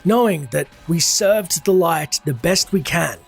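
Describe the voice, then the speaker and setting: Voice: medium pitch, expressive, measured pace, vocal fry, slightly rough, soft background music. A narrator telling a video game's story in formal, scripted storytelling style. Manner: formal storytelling in first person plural.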